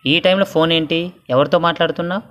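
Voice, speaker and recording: A man voicing an anxious, scolding middle-aged mother in an audio story, pitching his voice up. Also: racing, a bit bright, close to an everyday voice.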